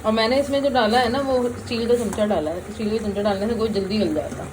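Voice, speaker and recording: A chatty mother in her thirties talks to her viewers at home, now and then turning to her children. Her voice sits a little high. Faint background noise runs under her. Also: quick pace. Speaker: vlogger, mother. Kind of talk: casual home vlog chat.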